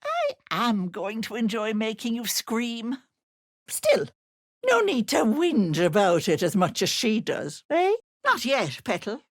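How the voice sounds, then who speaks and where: A woman's voice: fairly high pitch, huge pitch swings, takes it slowly, no room sound, clean studio sound, heavily acted. A woman playing a sly, wicked old hag in a video game, posing as a sweet auntie, with cloying endearments laid over gloating menace. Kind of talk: video game character voice acting.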